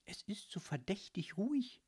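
A man's voice: sits high, very animated, normal speed, darkish tone, slightly rough, pitched above the performer's own voice, heavily acted. A man doing a caring young girl, raised voice. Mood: worried.

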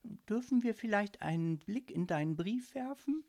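A man voicing a brisk, caring young girl in a children's audiobook, talking in a raised voice. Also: high voice, lively intonation, warm tone, pitched above the performer's own voice. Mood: gentle.

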